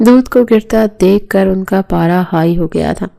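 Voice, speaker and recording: A woman narrating a romance novel aloud in a steady, even reading. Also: mid-range voice, vocal fry.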